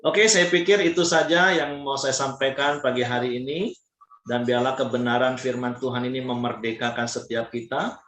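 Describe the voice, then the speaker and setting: A male pastor giving an animated sermon talk, acting out quoted people in changing voices. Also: medium pitch, moderate pace, echoey room.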